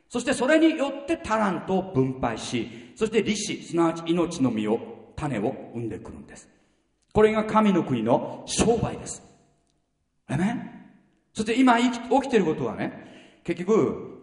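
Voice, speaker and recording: A male pastor delivers a sermon in a high, animated voice, tossing blunt rhetorical questions at his congregation. He sounds set back from the mic, with a long reverb trailing through the hall. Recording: echoey hall, mic far off.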